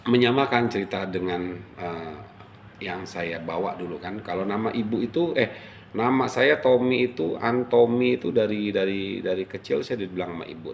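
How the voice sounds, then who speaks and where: A middle-aged man from Java casually telling a personal story, animated and emotional, acting out the quotes. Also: deep voice, slight background noise. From Java, Indonesia. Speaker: storyteller recounting his life.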